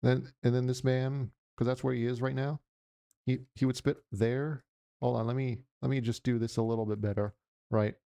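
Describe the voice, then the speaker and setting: A man's voice: medium pitch, little pitch movement, normal speed, vocal fry, mellow, clear, resonant tone, no room sound. A man giving casual reaction commentary, rambling and joking while mimicking noises. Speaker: reaction channel host.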